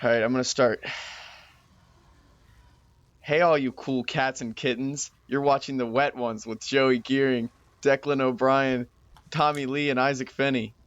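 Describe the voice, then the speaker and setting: A man's voice: mid-range voice, fairly even intonation, unhurried, muffled recording, a little hiss or hum. Joking man hosting a casual podcast. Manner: joking, laughs often. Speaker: podcast host. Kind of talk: casual chat.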